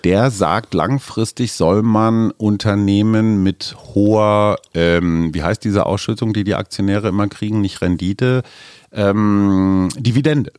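A man hosting a podcast in casual chat, animated and joking as he asks questions. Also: lowish voice, a little slow, no echo, studio quality. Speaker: podcast host.

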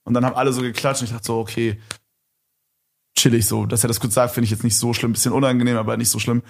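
A young man, a podcast host, spinning a story in a loose, rambling way, stuffed with slang and fillers. His voice sits at an ordinary pitch. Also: little pitch movement, fast talker, gravelly. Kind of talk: casual storytelling chat.

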